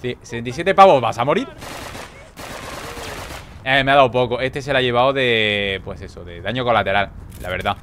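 A young man with a Spain Spanish accent doing joking gameplay commentary, animated, with sudden loud outbursts. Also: medium pitch, brisk, pauses often, a little hiss or hum. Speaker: gaming video creator.

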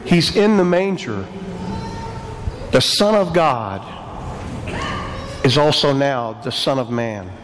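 A man speaking as a priest at a church service, solemn and deliberate, phrase by phrase, with a cathedral echo around his voice. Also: medium pitch, animated. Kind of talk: liturgical gospel reading and homily preaching. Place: large church with echoing acoustics. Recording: cathedral-like echo, long reverb, background noise.

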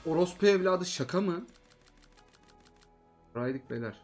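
A man commenting live on a slot game, swearing constantly and swinging between fed-up groaning and excited shouting. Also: sits high, a little slow, soft background music. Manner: swears constantly, groans and exclaims at each spin.

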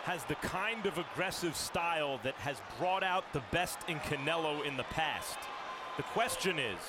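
A man giving measured broadcast commentary on a boxing match. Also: on the high side. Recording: very loud arena noise behind.

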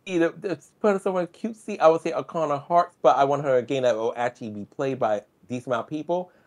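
Man, podcast guest, rapid speech, slangy, opinionated, casual gaming talk. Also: fairly high pitch.

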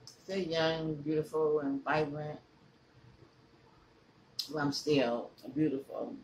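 A woman's voice: deep voice, little pitch movement, a little mellow, a little hiss or hum, poor audio. An older woman chatting casually to her viewers while eating, talking through a mouthful of food as she chews. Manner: slow, chatty, laughing, addresses viewers as y'all. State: mouth full, chewing. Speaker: mukbang vlogger.

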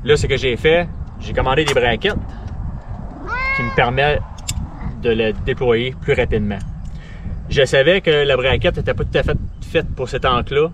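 A man's voice: medium pitch, moderate pace, long pauses, muffled recording. Québécois guy in his 40s, easygoing diy sailing vlog, traffic noise outside. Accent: Quebec French. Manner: relaxed, chatty, with frequent fillers and restarts. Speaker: sailing vlogger. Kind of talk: casual how-to vlog. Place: outdoors on a sailboat in a boatyard. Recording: noisy outdoor ambience.

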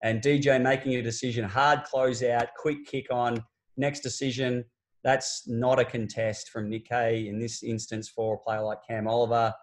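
A man's voice: mid-range voice, level tone, moderate pace. A man, a basketball coach explaining game clips in an online clinic, talking conversationally with fillers and restarts from a small office on a laptop mic. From Australia. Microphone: laptop webcam on a video call.

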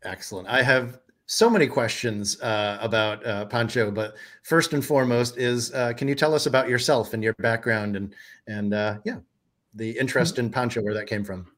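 A man's voice: medium pitch, fairly even intonation, moderate pace, fairly bright tone. Man hosting a video-call interview. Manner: friendly, hesitant with fillers. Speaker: host. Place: home office. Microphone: headset on video call.

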